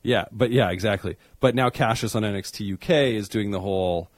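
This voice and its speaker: A man co-hosting a casual wrestling podcast, rambling and animated, breaking into loud excited bursts. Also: fairly low pitch, a little fast, no echo, clean studio sound. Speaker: podcast co-host. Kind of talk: casual chat about wrestling.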